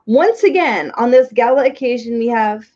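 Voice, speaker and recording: A regal, somewhat melancholy storybook king, voiced by a woman narrator. His lines are grand and commanding, delivered high and lively. The recording is dull and lo-fi. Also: normal speed. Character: gloomy commanding male king.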